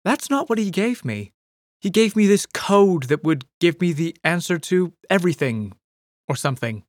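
A male storyteller voices a blunt, tipsy woman, pitching his voice above his natural range as she fires off sharp, exasperated questions. Her lifted, high voice swings widely in pitch at a moderate pace. The audiobook reading is close and dry, with no echo or sense of room.

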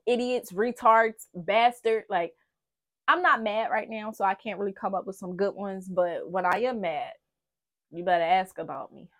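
A woman's voice: mid-range voice, normal speed. A woman hosting a podcast, giving blunt, profane relationship advice in a casual, emphatic way, speaking. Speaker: podcast host. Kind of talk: candid relationship talk.

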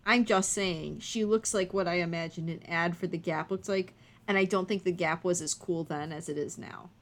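A woman's voice: fairly low pitch, steady tone, normal speed. Wry woman chatting on a podcast. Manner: wry, hyperbolic commentary. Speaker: podcast co-host. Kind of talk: casual chat.

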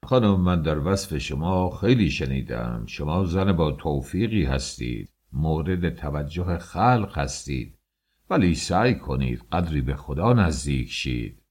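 A man voicing an old male Sufi master who speaks slowly, gravely and in a hushed tone. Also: very deep voice, very animated, voice pushed down, exaggerated voice. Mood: solemn.

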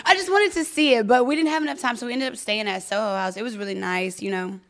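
A woman, co-hosting a podcast in animated, laughing casual chat. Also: a little high, quick pace, slight background noise. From Baton Rouge, Louisiana, US. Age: 30s. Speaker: podcast co-host.

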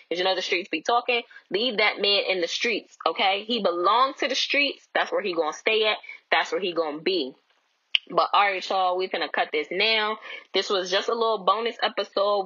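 A young woman tells a story straight to her listeners, blunt, profane and animated. Her voice is bright and a little husky, recorded dry with a slightly dull sound. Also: mid-range voice, no echo. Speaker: podcast host.

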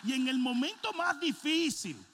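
A middle-aged man, a pastor, preaching a sermon with a comic story, animated, swinging from low asides to shouting and mixing in English words. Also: unhurried, in a large hall, slight background noise.

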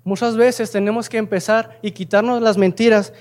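A young male preacher tells a story from the pulpit with lively, animated delivery. His voice sits high for a man. He speaks to a church congregation. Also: moderate pace. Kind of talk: sermon with storytelling.

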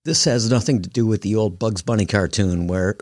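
A woman's voice: rumbling low, fairly quick, a little mellow, no echo, studio quality. A woman co-hosting a podcast in casual chat, wry and dryly teasing, with the hiccups. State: has the hiccups. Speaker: podcast co-host.

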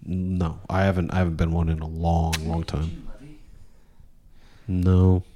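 A man's voice: deep voice, level tone, measured pace, warm tone. A man answering questions as a guest on a casual podcast, giving dry, clipped replies. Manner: laconic, dry short answers.

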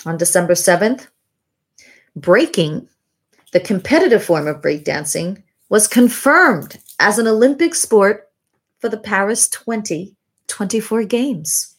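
A woman hosting a podcast, reading a scripted monologue in a measured, deliberate way with reflective pauses. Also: medium pitch, animated, breathy edge. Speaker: podcast host. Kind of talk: scripted narration, year-in-review monologue.

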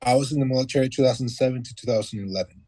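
A man's voice: medium pitch, racing, warm tone, no room sound. Matter-of-fact man, thirties, dry sound. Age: 30s. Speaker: guest, former Marine. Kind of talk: casual conversation.

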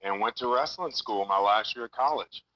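A man's voice: fairly low pitch, normal speed, pushed and bright. A man from Louisiana talking over a phone speaker as a guest, telling stories in an easygoing, upbeat way. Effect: heard over a phone speaker. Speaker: guest wrestler. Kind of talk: casual phone chat. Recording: tinny speakerphone call.

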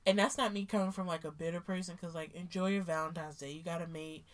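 A woman in her late twenties in a casual podcast conversation. Her voice sits a little low, and she works through her opinions candidly, pausing and rephrasing as she goes. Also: steady tone, faint music behind. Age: 20s. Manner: thoughtful, many fillers and restarts, candid. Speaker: podcast co-host. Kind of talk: casual chat.

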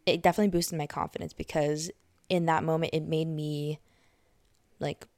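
A woman's voice: sits low, flat delivery, moderate pace, darkish tone, no room sound, clean studio sound. A young woman hosting a podcast, talking casually in a chatty way, full of fillers and restarts. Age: young adult. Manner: chatty, filler-heavy, self-correcting. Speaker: podcast host. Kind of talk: casual monologue.

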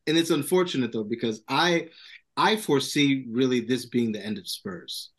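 A man hosts a loose, casual football discussion among friends. His speech is informal and slangy, and he circles back over the same phrase to drive a point home. His pitch sits in an ordinary middle range. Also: normal speed. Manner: slangy, repeats phrases for emphasis. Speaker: sports podcast host.

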